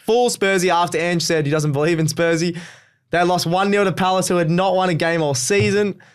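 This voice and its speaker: A man's voice: high-pitched, fairly even intonation, fairly quick, smooth. A young man co-hosting a casual football podcast, upbeat and laughing often. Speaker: podcast co-host. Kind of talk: casual sports podcast chat.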